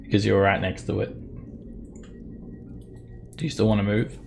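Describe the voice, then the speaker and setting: A man running an online tabletop game as game master, narrating casually with halting, improvised phrasing. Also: lowish voice, flat delivery, creaky, darkish tone, a little hiss or hum.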